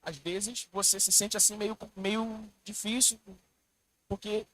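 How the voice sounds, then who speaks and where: A pastor preaching in church, his voice pitched a little above most men's. He tells stories softly and then builds to loud, emphatic declarations. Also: level tone, takes it slowly, poor audio. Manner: storytelling with shifts from hushed prayer to rising, emphatic preaching. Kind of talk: sermon.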